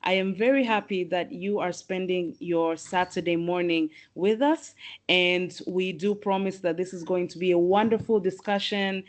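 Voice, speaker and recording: A woman from Tanzania hosts an online professional webinar, her voice a little low. She speaks in a measured, welcoming way, pausing with the odd "um". She sounds like she is on a computer mic during a video call. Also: steady tone. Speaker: host and moderator. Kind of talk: formal webinar hosting.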